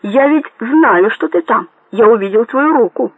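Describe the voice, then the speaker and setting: A man voicing a volatile male gang leader who yells threats in a frantic, raised voice. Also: very high-pitched, animated, a little slow, dry recording, phone-quality sound, voice pushed up, full character voice. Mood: taunting.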